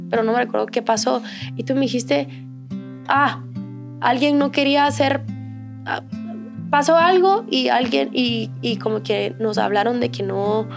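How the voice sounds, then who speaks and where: A woman's voice: fairly high pitch, creaky. Conversational woman pastor. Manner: warm conversational, many fillers and restarts. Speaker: pastor and podcast co-host.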